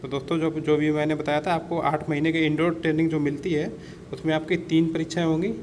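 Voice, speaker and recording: Talking fast in a flat, slightly high, somewhat mellow voice, this exam-prep instructor runs an informal explainer lesson. He repeats things, calls listeners friends, and mixes English words into his speech, with background noise clearly audible.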